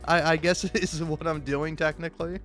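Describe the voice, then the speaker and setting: This streamer's voice is fairly high and bright, with a flat delivery at a normal speed over faint background music. High on drugs, he rambles through his gameplay with self-deprecating jokes, constant swearing and frequent chuckles.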